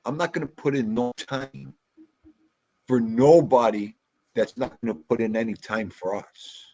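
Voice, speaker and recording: A dry, close recording of a man with an average-pitched voice. He chats casually as a panelist, plain-spoken and emphatic, often restating a point to drive it home. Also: measured pace, dark tone, no room sound. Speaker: livestream panelist. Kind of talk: casual chat.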